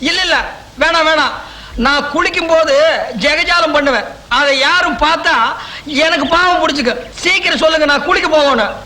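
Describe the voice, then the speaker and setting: A man's voice: very high-pitched, moderate pace, bright, forceful tone, exaggerated voice. An actor playing a cowardly village trickster posing as a holy man, whiny and theatrical in a film comedy. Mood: evasive. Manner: whiny, theatrical, panicky wailing. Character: scheming cowardly male village trickster, middle-aged. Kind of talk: 1980s film comedy acting.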